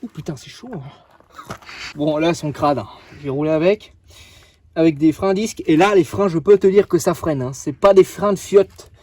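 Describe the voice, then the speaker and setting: A man's voice: on the high side, moderate pace, a little mellow. A young man casually showing off his car outdoors, joking and rambling with lots of fillers. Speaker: car vlogger.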